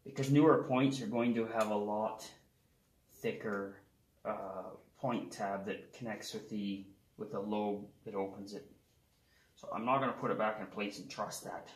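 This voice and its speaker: In an open wood shed workshop, a garage mechanic host with a low voice gives a casual how-to demonstration, talking through engine repair while he works. He's unhurried and relaxed, and the audio echoes with loud tool clatter.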